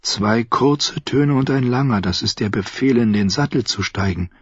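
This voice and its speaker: A man reading an audiobook in a measured, calm narrating style. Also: mid-range voice, breathy edge, no echo, lo-fi sound. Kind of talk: scripted narration.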